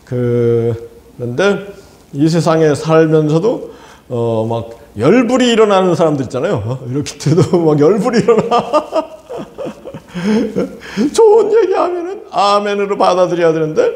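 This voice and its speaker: Animated Korean pastor preaching in an echoey hall. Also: male voice, a little high, unhurried. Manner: animated, laughing often, asks the congregation for amens. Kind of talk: sermon.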